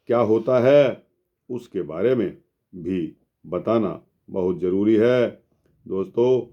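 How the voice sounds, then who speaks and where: Brief: male scripture narrator, slow and deliberate, speaks to listeners as friends, slightly muffled lo-fi sound. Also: on the low side. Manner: measured, addresses listeners as friends. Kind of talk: reading and explaining scripture.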